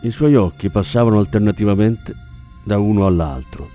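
A man narrating an audiobook in a steady, measured way. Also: fairly low pitch, soft background music.

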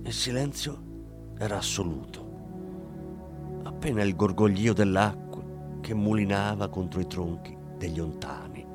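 An audiobook narrator with a voice on the low side reads a crime story aloud in measured, expressive scripted narration. Faint music plays in the background.

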